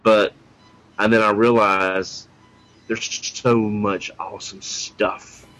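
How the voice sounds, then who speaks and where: Man in his 40s, very low but bright voice, hesitant and thoughtful. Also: little pitch movement, slow pace, soft background music, low-quality recording. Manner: reflective and hesitant. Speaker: guest. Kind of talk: casual group chat.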